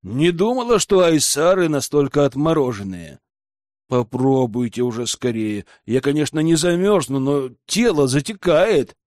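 A man's voice: a little high, normal speed, a little mellow, no echo, clean studio sound, lightly acted. A man voicing a whiny, indignant young female witch student in an audiobook. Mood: smug. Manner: whiny, pleading.

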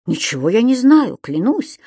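A woman's voice: a little high, very animated, normal speed, warm tone, breathy edge, no echo, clean studio sound, heavily acted. Woman doing a flustered stammering lodger. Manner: stammering, hesitant. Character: timid flustered grown man, a lodger.

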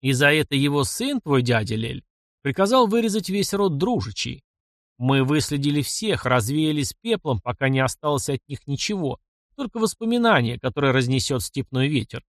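A man voicing a cruel, vengeful old nomad chieftain who speaks in slow, growling commands. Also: medium pitch, sing-song, no room sound, studio quality. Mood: cold menace.

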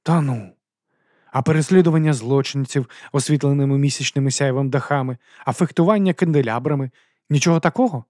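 A man's voice: medium pitch, a little fast, darkish tone, no echo, clean studio sound, pitched above the performer's own voice, close to an everyday voice. A man voicing a young, earnest, giant recruit who is naive and easily bewildered, in a storybook reading. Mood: earnest, puzzled.

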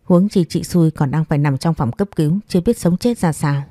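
A woman's voice: low-pitched, a little fast, mellow, no echo, clean studio sound. A woman voicing a stern old father who rebukes his wife firmly. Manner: stern, firm, reproachful. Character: stern old father, strict family head.

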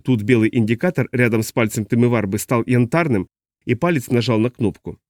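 A man reading an audiobook aloud in a steady, even manner. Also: mid-range voice, a little fast, dry recording, studio quality. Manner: steady, even reading voicing several characters. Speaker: audiobook narrator. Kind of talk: scripted narration.

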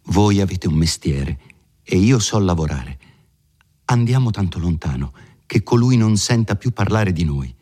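A man's voice: deep voice, lively intonation, unhurried, darkish tone. A man reading the part of a timid, devout young village bride who speaks in an earnest, pleading way, in an audiobook of a classic novel. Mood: resolute.

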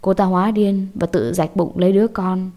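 A woman voicing a gentle, slow-spoken Buddhist monk in a storybook horror tale. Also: lowish voice, steady tone, lightly acted. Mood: grave. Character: calm Buddhist monk, grave.

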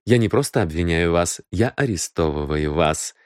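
A man playing a cool male detective lays out his case in a cold, measured voice. He stays firm and unhurried, with lively rises and falls. The sound is dry and close-miked. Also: deep voice, dry recording. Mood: stern.

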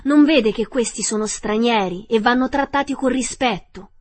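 A woman voicing a timid, fragile young porcelain princess with a high, frightened voice. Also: measured pace, slightly rough. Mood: anxious. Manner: frightened, pleading, then prim.

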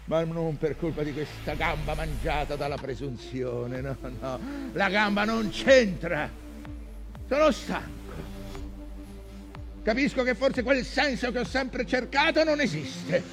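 An older actor playing a weary, obsessed old whaling captain, brooding and defiant, in a declamatory theatrical stage monologue. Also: male voice, fairly high pitch, expressive, a little slow, a bit bright, faint music behind. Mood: anguished, exhausted. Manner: declamatory, anguished, swinging from murmurs to cries.

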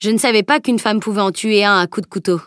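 A woman reading the lines of a burly male soldier, calm and matter-of-fact, in an audiobook. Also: mid-range voice, fast talker, no room sound, clean studio sound, natural voice.

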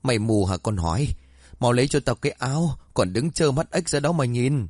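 A man voicing a coarse, jealous middle-aged village aunt who yells curses. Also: medium pitch, animated, a little fast, no echo, lightly acted. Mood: scolding. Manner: foul-mouthed, yelling curses.

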